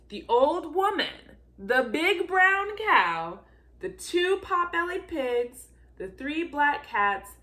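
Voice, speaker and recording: Reading a children's story aloud as a volunteer, this woman uses a very high, bright voice with wide pitch swings. She's highly animated and theatrical yet unhurried, drawing out key words for emphasis.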